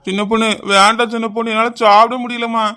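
Guy doing a meek cartoon husband, kanyakumari accent, highish voice, whiny and worn out. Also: little pitch movement, fast, bright, forceful tone, clear, resonant tone. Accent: Kanyakumari Tamil. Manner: weak, whiny refusing. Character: meek young husband, stuffed and weary.

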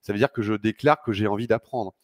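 A middle-aged man talks at an indoor conference with enthusiasm, gesturing and filling pauses as he goes. The sound is dry and close, with hardly any echo. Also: lowish voice. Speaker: founder of a sailing channel. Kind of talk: conference talk. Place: large sailing showroom, indoors.

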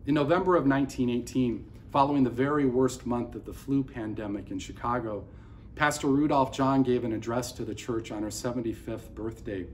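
A man's voice: medium pitch, fairly quick, a little hiss or hum. A middle-aged man, a pastor, preaching an earnest sermon to a camera at close range in an indoor room. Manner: earnest, gestures with open hands while preaching. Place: indoors by a large window facing office towers.

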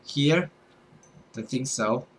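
A man's voice: mid-range voice, very slow, slight background noise. A young man giving let's-play commentary, full of startled exclamations and swearing. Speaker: gaming YouTuber.

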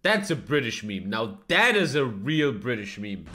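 A man, hosting a casual reaction video, animated, swearing freely and laughing often. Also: mid-range voice, a little slow, slight background noise. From Germany. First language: German.

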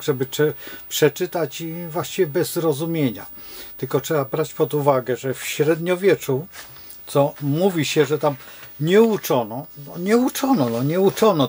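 Slow husky older man, rambling. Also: on the high side. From Poland. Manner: digressive, hesitant, many filler sounds and wry chuckles. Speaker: astrologer addressing his followers. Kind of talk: rambling informal talk.

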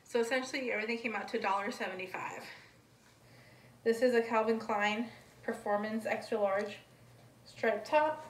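A woman's voice: fairly high pitch, moderate pace, long pauses, a little hiss or hum. A woman chatting casually through a haul vlog, rambling as she describes each item one by one, recorded at home. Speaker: thrift reseller vlogger. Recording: roomy, distant mic, faint ambience.

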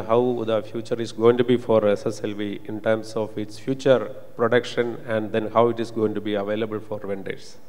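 A man's voice: mid-range voice, darkish tone, clear, resonant tone. A middle-aged man moderating a conference panel, formal and hesitant with many uhs, into a handheld microphone on stage. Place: large conference hall stage, indoors. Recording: long reverb of a conference hall.

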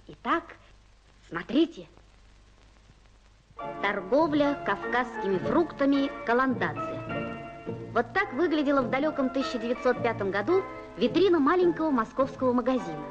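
A woman narrating a scripted children's documentary newsreel in measured storytelling phrases with deliberate pauses, on an old film soundtrack with music. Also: high voice. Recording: dull 1980s film soundtrack, music behind.

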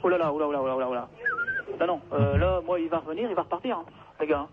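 A man's voice comes through a tinny, hissing telephone line. He talks quickly and sits high for a man. He sounds flustered, protesting again and again. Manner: flustered, keeps protesting with repeated "non, non". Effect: heard over a telephone line. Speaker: employee of a trucking firm answering a call. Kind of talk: unscripted phone conversation. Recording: noisy, narrow telephone line.

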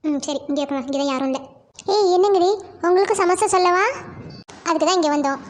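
A woman's voice: very high voice, fast, slight background noise. A woman voicing a dreamy, earnest young college woman in a cartoon, chatty and pleading with friends and family. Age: young adult. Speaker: lead character. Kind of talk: cartoon voice acting.

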